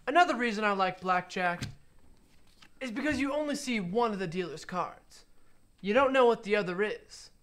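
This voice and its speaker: A man playing a menacing, smug outlaw card dealer in a western film, with a taunting, deliberate, folksy way of talking. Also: high-pitched, animated, fairly bright tone. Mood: smooth, taunting.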